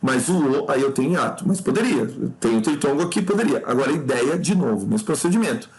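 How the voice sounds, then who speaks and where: A Brazilian man walks through exam questions in a lively teaching voice, his pitch leaping up whenever he hammers home a point. He keeps checking in with the listener and calls them buddy, sounding like a tutor working through a test. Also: quick pace, a crowd in the background. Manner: explanatory, peppered with "tá?" check-ins and addressing the listener as "cara"; lively pitch jumps when stressing points. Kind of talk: exam review lesson.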